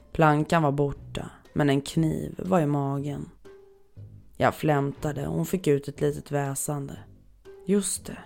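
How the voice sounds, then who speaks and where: A horror story narrator reading submitted tales in an even, measured delivery. The voice is gravelly with a dark, mellow tone. A faint music bed runs quietly under the reading. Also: medium pitch. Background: faint background music.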